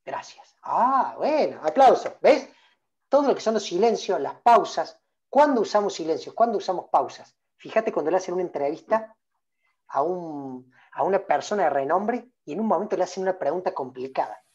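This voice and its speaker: Orador rioplatense de unos cuarenta, tono de taller interactivo, pregunta y nombra al público; audio apagado de videollamada. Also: male voice, high voice, lively intonation, fairly quick, darkish tone, dull audio. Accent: Rioplatense Spanish. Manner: engaging, calls on listeners by name, many questions. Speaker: public speaking trainer. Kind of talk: interactive online workshop talk. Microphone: video call.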